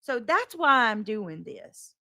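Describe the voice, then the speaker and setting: This woman's voice is on the high side and sing-song, with a sharp tone, and she takes her time. As a livestream host she rambles unscripted to her followers and moderators, coarse and swearing, by turns casual, defensive, emphatic and exasperated. The sound is studio quality with no echo.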